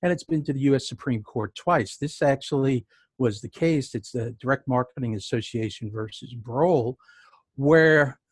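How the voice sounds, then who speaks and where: This New York-accented man runs a sales tax webinar, chatting along with plenty of fillers and dry humor. His voice is medium in pitch and slightly rough, at a moderate pace, recorded without echo.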